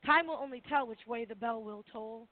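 Woman radio caller on a phone line, kinda high voice, giggly, reads her poems, super tinny. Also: a little fast, no room sound. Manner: giggly, hesitant between readings. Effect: tinny phone-line sound of a call-in caller. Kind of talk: reading her own poetry on air.

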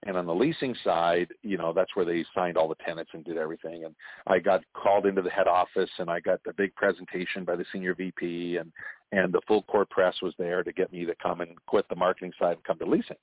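Speaking fast in a low voice with fairly even intonation, this Canadian man is a franchise consultant guesting on an interview. He's a chatty storyteller who jokes and laughs a lot during the casual call. The sound is dry but comes over a tinny phone line.

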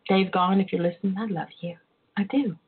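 A woman's voice: medium pitch, steady tone, fast talker, slightly rough. A woman hosting a casual internet radio show with a campy, sassy, bawdy and chatty manner. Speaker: host. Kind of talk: casual solo radio chat. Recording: tinny phone line sound.

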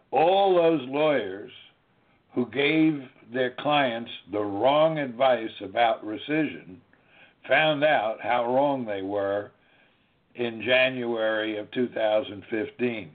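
Male talk host, unhurried and halting, tinny phone-line audio. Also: mid-range voice. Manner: slow, deliberate, with many fillers and restarts. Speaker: show host. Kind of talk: legal talk show interview.

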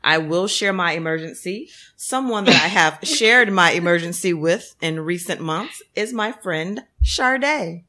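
A woman's voice: fairly low pitch, animated, measured pace, hardly any pauses, pushed and bright. A woman hosting a podcast with casual interview chat and a playful, teasing way of talking. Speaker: podcast host.

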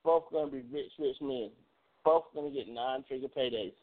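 A man's voice: medium pitch, a little fast. Man talking sports over a phone-line sound. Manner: rambling, repeats words, animated. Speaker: sports talk radio host. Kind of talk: casual sports talk show. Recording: phone-like narrow band.

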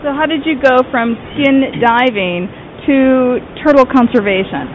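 A woman's voice: high-pitched, unhurried, narrow, tinny audio, a little hiss or hum. A woman hosting a travel radio show, asking a guest questions in a friendly conversational way. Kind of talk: interviewing.

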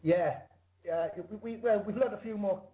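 A man's voice: high voice, normal speed, phone-quality sound. British man on a thin call line. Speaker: interview guest, band musician. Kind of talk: casual call-in interview.

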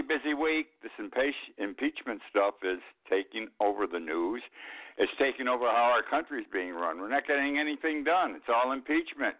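A man hosting his own talk radio show, out of breath and giving rambling, frank political commentary. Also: lowish voice. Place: Key West, Florida. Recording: tinny phone-line internet radio.

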